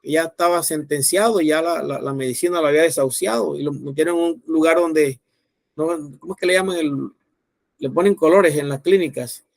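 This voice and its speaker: A man's voice: a little high, steady tone, fairly quick, vocal fry, no echo. A man preaching a sermon as pastor, telling a story and acting out the people in it. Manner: storytelling preacher, voicing people in his stories.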